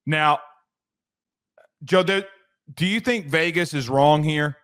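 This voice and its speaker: A man co-hosts a casual sports podcast, trading picks with his partner in loose, friendly chat. He often stumbles and restarts his sentences, and his voice is somewhat high for a man. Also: slow, fairly bright tone. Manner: stammering restarts, talks to co-host by name. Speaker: podcast co-host.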